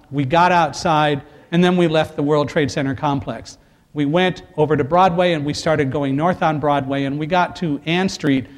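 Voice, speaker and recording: A man telling a personal survival story to an audience, earnest and animated, building to loud emphasis. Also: a little high. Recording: echoey hall reverb.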